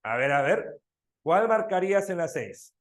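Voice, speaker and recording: Male teacher, high lively voice, keeps quizzing students; echoey room. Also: unhurried. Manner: lively, questioning students often, animated. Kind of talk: online exam-prep language class.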